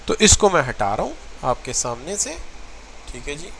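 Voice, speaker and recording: A man with a fairly high, very animated voice and some vocal fry gives a recorded lecture over background noise. Teaching in Urdu, he slips in English terms, calls his students children, and repeats phrases to show how tone shifts meaning.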